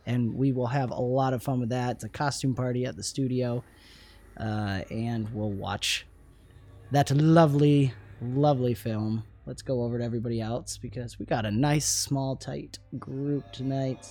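A man's voice: medium pitch, steady tone, normal speed, warm tone, faint music behind. Upbeat laughing male stream host. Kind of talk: livestream intro and chat.

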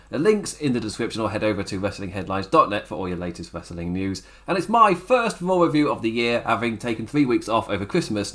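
A man with a strained, raspy voice hosts a casual wrestling review podcast, rambling along with frequent chuckles and corrections of himself. His voice is on the low side with a fairly bright tone.

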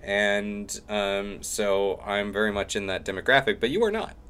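A middle-aged man hosts a casual podcast in a fairly low voice. He rambles through his thoughts, often doubling back, and talks about himself in a self-deprecating way. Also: normal speed, fairly bright tone, clean tone. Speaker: podcast host. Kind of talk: casual chat.

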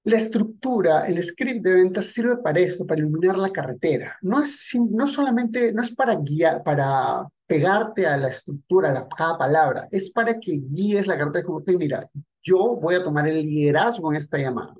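Speaking at normal speed with hardly any pauses, this sales coach has a high, lively voice that's a little mellow and slightly rough. He teaches sales techniques straight to the listener in a conversational, instructional monologue.

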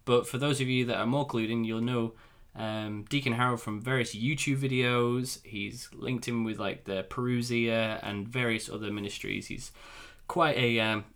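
A man hosting a live podcast interview, relaxed and hesitant with many fillers. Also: medium pitch, moderate pace, hardly any pauses. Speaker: podcast host. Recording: background music under voice.

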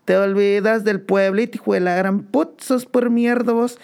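A man's voice: high-pitched, steady tone, normal speed, gravelly, darkish tone, clear, resonant tone, voice pushed up. A man voicing a crude, foul-mouthed village man with a Guatemalan accent, mocking and swearing. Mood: mocking, rowdy. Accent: Guatemalan Spanish.

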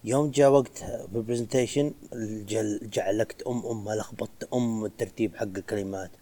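A man's voice: fairly low pitch, fairly even intonation, fast talker, dark tone. A young man, a physiotherapy trainee giving casual advice and dropping in English phrases. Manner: chatty, mixes in English phrases.

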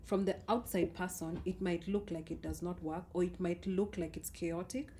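A woman's voice: fairly low pitch, fairly even intonation, moderate pace, warm tone. A woman with a Kenyan accent discussing ideas casually as a podcast panellist. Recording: clearly noisy background ambience.

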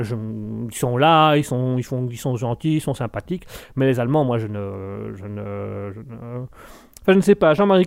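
A man's voice: mid-range voice, creaky. A man hosting a live stream, reading out viewer messages in a jokey, rambling way with many restarts.

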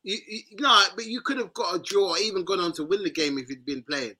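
High, bright London roadman host. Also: fast talker, husky. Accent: London, urban street slang. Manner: slangy, repeats and cuts in. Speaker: football fan show host. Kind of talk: casual banter and football chat.

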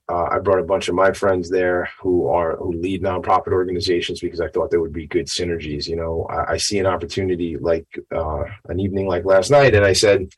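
This is a middle-aged man with a gravelly, fairly low voice. He sounds a little tired, and he talks like a chatty, folksy show host delivering an informal opening monologue. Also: rough recording. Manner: folksy, chatty, self-branding patter. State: a little tired after a late night.

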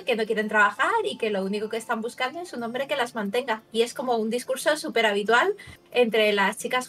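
A woman's voice: a little high, fairly bright tone. A young woman from Russia, a native Russian speaker, chatting casually as a guest and often tagging her sentences with "you know?". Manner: chatty, lots of fillers like sabes. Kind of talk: casual chat. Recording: roomy with faint music behind.

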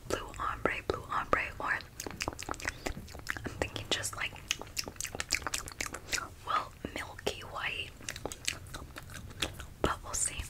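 Female ASMR creator for whispered role-play: breathy, unvoiced, intimate personal attention with tingly mouth sounds. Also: very slow, pauses often, low-quality recording. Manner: soft, intimate, casual chat to the viewer.

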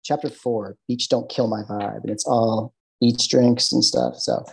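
A man's voice: mid-range voice, steady tone, measured pace, gravelly, slightly rough, rough recording. A man with a Midwestern American accent, a podcast guest talking in a loose, rambling way with lots of fillers and restarts. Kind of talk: casual interview chat.

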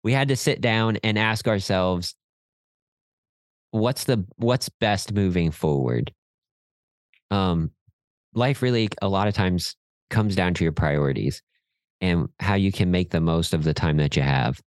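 A man's voice: sits low, measured pace, pauses often, dry recording. A middle-aged man, a podcast co-host chatting casually in an encouraging way. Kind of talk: casual chat.

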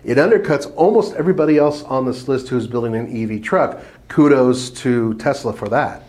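Man, podcast co-host, casual chat, animated storytelling, mid-pitched voice. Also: normal speed. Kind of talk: casual chat about trucks.

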